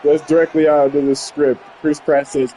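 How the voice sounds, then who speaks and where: A man's voice: fairly high pitch, level tone, moderate pace, mellow, a little hiss or hum, rough recording. A young man chatting loosely and profanely while playing a football video game, laughing through his stories. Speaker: gaming streamer.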